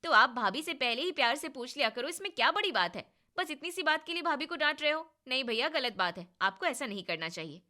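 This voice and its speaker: A cheeky, bubbly young sister-in-law in a storybook drama, voiced by a woman. She is loud, playful and a little bossy. Her voice is bright and slightly high. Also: very animated, fairly quick, hardly any pauses, exaggerated voice.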